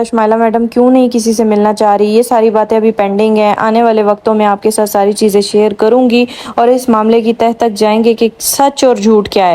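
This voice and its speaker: A woman vlogger gives casual commentary, chatting directly to her viewers. Her voice is a little high and mellow.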